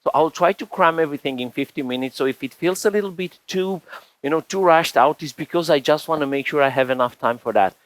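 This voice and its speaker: A Romanian man in his forties gives a chatty tech talk on a conference stage, rambling with frequent restarts and "you know" fillers. His voice is a little high and fast, captured in a dry, low-quality recording.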